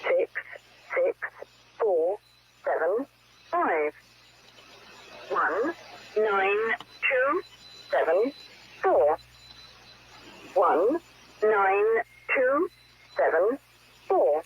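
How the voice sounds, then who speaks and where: A woman's voice: medium pitch, sing-song, breathy edge. Numbers station woman reading digits. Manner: slow mechanical reading of number groups. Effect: shortwave numbers station broadcast played from a phone. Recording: muffled lo-fi shortwave radio clip.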